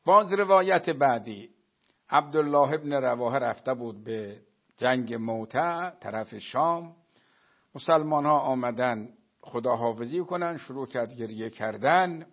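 A man giving a religious lecture, telling narrations to his listeners and reciting Arabic quotations slowly. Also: mid-range voice, lively intonation. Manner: storytelling, addresses listeners as dear friends. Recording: dull lo-fi recording.

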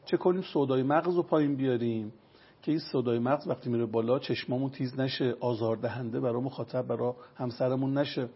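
A man's voice: medium pitch, steady tone. A man consulting on traditional medicine, lecturing with everyday examples in an interview. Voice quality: gravelly and raspy. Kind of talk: explanatory interview talk. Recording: dull lo-fi recording.

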